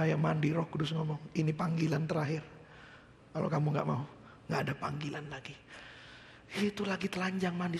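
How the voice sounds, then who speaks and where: Preacher guy, high gravelly voice, big reverby church hall. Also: slight background noise. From Indonesia. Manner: animated storyteller, swings from shouting to hushed whispers. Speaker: pastor. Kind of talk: sermon with personal testimony.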